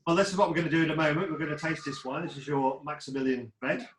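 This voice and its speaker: Halting male wine-tasting host, echoey room. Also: fairly high pitch, steady tone. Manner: halting, many uhs. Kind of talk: hosting a wine webinar. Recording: echoey room with faint noise.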